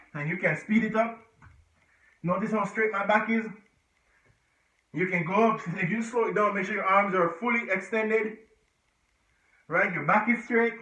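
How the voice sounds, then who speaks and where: A man's voice: high-pitched, bright, forceful tone. A man leading a home workout, chatty and encouraging, sometimes out of breath and grunting between exercises. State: out of breath at times. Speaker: fitness instructor. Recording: echoey room, far from dull mic.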